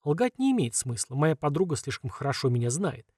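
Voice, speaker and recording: A man narrating a fantasy audiobook in a calm, measured way, often letting phrase endings fall quiet. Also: medium pitch, slightly rough, no echo, studio quality.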